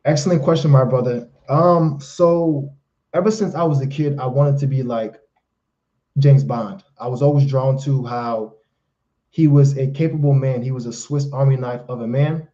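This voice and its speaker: A man with a mid-range voice and a dark tone speaks at a normal speed with fairly even intonation, and the highs are cut off. Haitian Creole is his first language, and he hosts a live-stream Q&A as a life coach, handing out emphatic, preachy motivational advice while calling listeners "fellas" and "brother."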